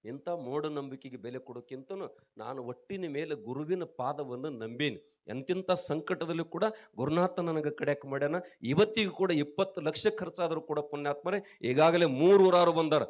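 A man with a North Karnataka Kannada accent giving a sermon as a swami, telling stories with sudden loud outbursts and quiet asides, often asking the audience questions. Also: moderate pace. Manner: dramatic storytelling, swinging between loud raised outbursts and quiet low asides. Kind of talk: sermon to villagers.

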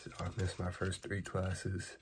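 A young man in his late teens chatting casually in a soft, close-up fast ASMR style, rambling and slangy, slightly under the weather. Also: sits low, completely flat delivery. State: getting over an illness. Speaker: ASMR video maker. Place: bedroom, indoors. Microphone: close, at arm's length from camera. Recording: loud noise of clicks and handling.

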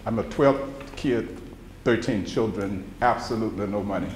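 An older man with a Mississippi accent and a low voice gives a folksy, informal lecture. He speaks at a podium microphone in a roomy, echoing space with a little background noise. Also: normal speed, darkish tone. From central Mississippi, US. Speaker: guest lecturer, retired pharmacology professor. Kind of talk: informal public lecture with personal recollections. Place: indoor lecture room with seated audience. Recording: roomy echo, background noise, live hall.

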